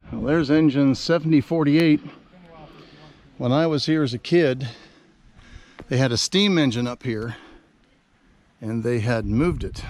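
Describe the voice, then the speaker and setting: A man talks casually and eagerly to his camera as he tours an outdoor site. The recording is noisy, with wind and passing trains heard behind his mid-pitched voice. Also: darkish tone. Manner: chatty, enthusiastic tour-guide talk. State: out of breath while climbing. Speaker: vlogger. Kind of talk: casual travel vlog narration. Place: outdoors at a railroad overlook.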